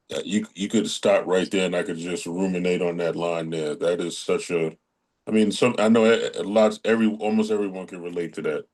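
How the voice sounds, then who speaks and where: A man's voice: sits low, a little mellow. A man at an open mic praising a poem enthusiastically, stumbling and restarting as he talks. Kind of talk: casual reaction and praise.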